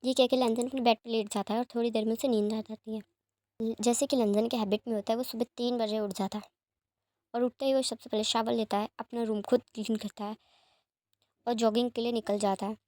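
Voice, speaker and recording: A woman's voice: fairly high pitch, fairly even intonation, fairly quick, darkish tone, dry recording. A woman reading a fan fiction story aloud in plain narration, with small slips and restarts.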